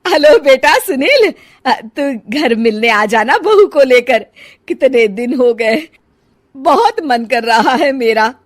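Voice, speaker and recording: A woman voicing an older mother in a family story, emotional and plaintive, quick to scold. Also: sits high, animated, no room sound, clean studio sound, pitched above the performer's own voice, heavily acted. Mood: pleading. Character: sad older mother, curt with stepson, pining for own son. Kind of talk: acted dialogue in a Hindi family audio story.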